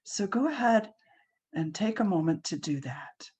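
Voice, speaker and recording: A woman leading a guided relaxation class, speaking softly and soothingly with frequent ums. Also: mid-range voice, animated, measured pace, husky. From Hawaii. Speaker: meditation guide.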